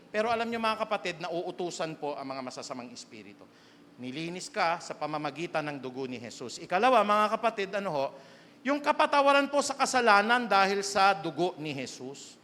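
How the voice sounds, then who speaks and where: A man with a Filipino accent, preaching a sermon as pastor, swinging from quiet storytelling to loud emphatic calls. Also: high voice, big pitch swings, brisk, long reverb tail, a little hiss or hum. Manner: preaches in Tagalog with English phrases, rising to loud emphatic calls. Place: church sanctuary.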